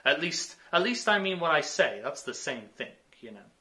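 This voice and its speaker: A man voicing a prim, polite young girl in a storybook reading, in a high, proper tone. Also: very animated, normal speed, bright, forceful tone.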